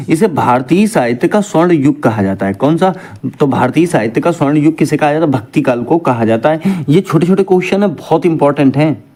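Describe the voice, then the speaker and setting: Mellow-voiced man teaching a lesson. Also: a little high. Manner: repeats questions to students and answers them himself. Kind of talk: exam-prep lesson.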